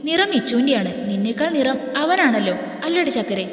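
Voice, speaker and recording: A woman voicing a warm, hopeful grandmother who coaxes fondly, recorded in an echoey room. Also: sits high, big pitch swings, a little fast. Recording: echoey room with long reverb.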